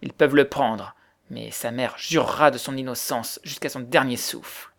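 A man's voice: mid-range voice, fairly even intonation, normal speed, vocal fry. A man voicing a bitter, grieving widowed mother who speaks harshly and accusingly. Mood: scornful. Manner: harsh, accusing, later softening into sobs.

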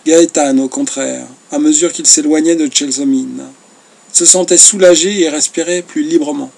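A man narrating a classic novel as an audiobook in a measured, expressive reading. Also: a little high, creaky.

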